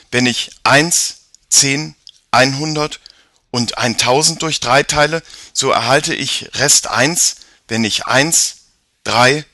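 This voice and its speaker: A man's voice: mid-range voice, pushed and bright, dry recording, studio quality, voice pushed up. A man voicing Jakob, a curious, determined young boy who explains things and urges action. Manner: explaining, urging.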